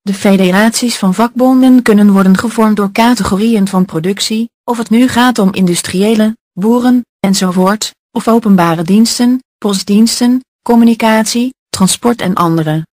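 A woman reading a political essay aloud in a steady, measured, list-like delivery. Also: mid-range voice, dry recording.

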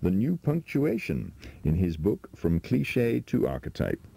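Deep gravelly guy reading a script, dark mellow tone, really sing-songy. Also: very animated, unhurried. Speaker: narrator. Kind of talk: scripted narration.

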